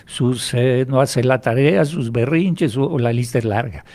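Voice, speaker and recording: Appearing as a guest on a radio interview, a man who speaks French as his first language explains hypnotherapy patiently, posing questions and then answering them. His mid-range voice carries a mellow, warm tone.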